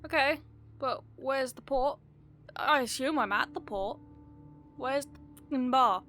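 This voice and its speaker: A woman's voice: high-pitched, a little slow, a bit bright, slight background noise. A woman giving casual, sarcastic let's play commentary as she plays a video game, with blunt asides.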